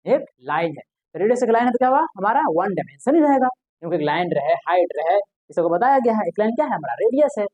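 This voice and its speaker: A man's voice: high-pitched, mellow, no echo, highs cut off. A man teaching an exam-prep math lesson, often asking the class a question and answering it himself.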